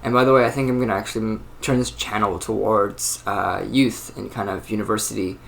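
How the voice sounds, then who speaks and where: A man's voice: on the low side, steady tone, brisk, gravelly, fairly bright tone, slight background noise. A man in his early twenties talking alone in a rambling, thoughtful way, with many fillers and restarts. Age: 20s. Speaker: channel host. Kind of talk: casual solo monologue.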